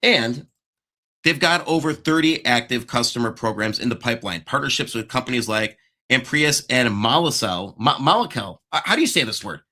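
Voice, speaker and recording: This man hosts a laid-back stock analysis livestream, chatting away, interrupting himself, checking the live chat, and mentioning that he's losing his voice. His pitch is medium, his tone sharp, his intonation lively, and his pace moderate.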